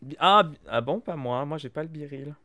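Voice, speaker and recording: A man's voice: on the high side, fairly quick, pushed and bright. Chatty man telling a story. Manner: chatty storyteller, frequent fillers and repeats. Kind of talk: casual chat recapping TV shows.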